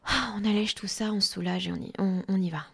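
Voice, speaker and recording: A woman speaking as her own soul, gently coaxing and reassuring her mind. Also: medium pitch, steady tone, quick pace, creaky, slightly rough.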